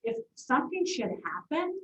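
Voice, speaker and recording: A woman school district administrator giving measured, reassuring remarks at a board meeting. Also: extremely high pitch, big pitch swings, fairly bright tone. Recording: distant, roomy, dull meeting-room audio.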